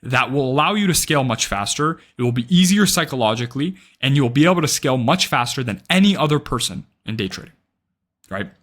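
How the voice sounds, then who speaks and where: With lively intonation and a quick pace, a roughly twenty-year-old day trader vlogs advice directly at the camera. He's blunt and emphatic, curses freely, and tends to close his points with "right?". His voice is medium in pitch and a bit bright.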